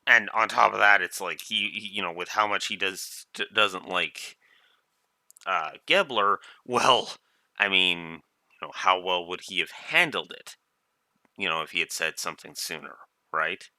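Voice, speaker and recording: A man streaming a game, giving casual, rambling commentary with lots of restarts and animated asides. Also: low voice, measured pace, dry recording. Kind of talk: casual let's-play commentary.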